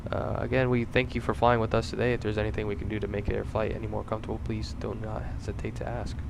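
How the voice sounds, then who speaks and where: Calm pilot on a cockpit headset, man. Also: fairly low pitch, fast talker, gravelly. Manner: calm, steady, relaxed delivery. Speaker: airline pilot. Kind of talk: cockpit callouts and passenger announcement. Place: airliner cockpit. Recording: steady aircraft noise behind.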